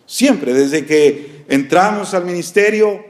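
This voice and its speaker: Male pastor, middle-aged, high-pitched voice, earnest sermon delivery to the congregation. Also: slow. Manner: earnest preaching, addresses listeners as brothers.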